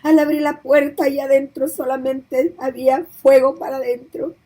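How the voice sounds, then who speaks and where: Tearful high-voiced woman giving testimony. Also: little pitch movement, moderate pace, mellow, low-quality recording. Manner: emotional, voice breaking into tears; repetitive, pleading storytelling.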